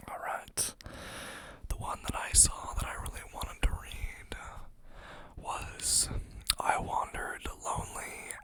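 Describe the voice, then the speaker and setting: An ASMR host whispers poems into a close mic, reading slowly and adding chatty asides. Her voice is slightly hoarse, as if she's losing it.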